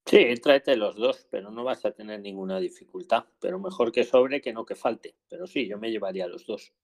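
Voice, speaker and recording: A man's voice: on the low side, a little fast, a little mellow. A man with a Spain Spanish accent, hosting a live call-in Q&A and giving advice in a chatty way, often repeating himself for emphasis. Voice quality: gravelly. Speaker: asylum advice host.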